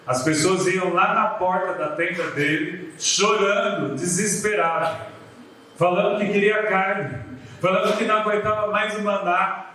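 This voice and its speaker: High-voiced Brazilian pastor preaching in an echoey church. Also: male voice, a little slow. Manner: lively preaching, acts out biblical voices, calls the people "queridos". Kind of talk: sermon. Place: church sanctuary. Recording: very echoey church hall from a distance.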